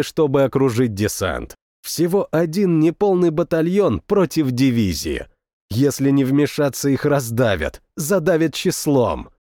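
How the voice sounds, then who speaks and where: A man narrating a first-person war novel in a measured, expressive reading, recorded close on a studio mic. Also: medium pitch, dry recording. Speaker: audiobook narrator.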